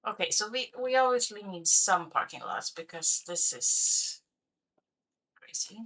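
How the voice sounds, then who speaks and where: Woman, young adult, game streamer, casual chat with viewers, slow, bright voice, cracking. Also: medium pitch, expressive. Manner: chatty, talks to viewers while building. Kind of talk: casual live-stream chat while playing.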